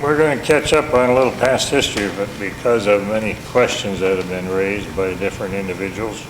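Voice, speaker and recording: A man's voice: on the low side, steady tone, brisk. A man in his seventies with an Upper Midwestern American accent, telling family history informally in a folksy, self-deprecating, wry way. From Minneapolis, United States. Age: 70s. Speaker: family elder recounting memories. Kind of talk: informal oral history reminiscence. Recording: echoey, noisy home tape, background hum.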